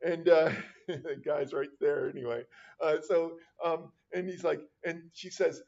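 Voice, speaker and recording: Wry rambling math teacher, lo-fi sound. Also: male voice, fairly high pitch, fairly even intonation, measured pace, vocal fry, a little mellow. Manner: rambling, wry, self-deprecating asides. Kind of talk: casual classroom lecture. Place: classroom. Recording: dull lo-fi classroom recording.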